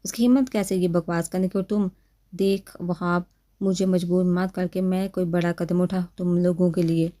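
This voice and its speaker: A hot-tempered rich young man snaps orders at his underlings in an audio novel, as a female narrator voices him. The voice sits low and mellow even in anger, with harsh, clipped demands. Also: no room sound, clean studio sound, natural voice. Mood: furious. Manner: shouting commands, harsh.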